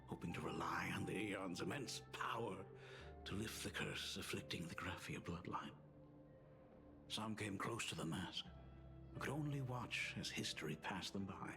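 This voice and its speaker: An actor playing a solemn, aging father in a video game, with an old man's gravelly voice and a grave, wistful delivery. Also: fairly low pitch. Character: solemn aging father, fatherly artist burdened by family curse. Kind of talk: dramatic video game voice acting.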